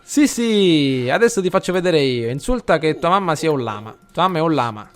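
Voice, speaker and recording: An Italian man narrating his gameplay for viewers in a casual let's-play style. His voice sits a little high for a man. He chats to the audience and shouts with excitement when things get wild. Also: a little fast. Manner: chatty, addresses viewers, gets loud and excited during action. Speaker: gameplay commentator.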